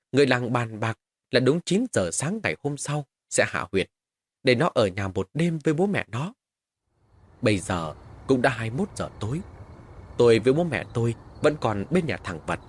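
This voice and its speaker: A man's voice: medium pitch, a little hiss or hum. A man narrating a first-person horror story in a dramatic storytelling manner.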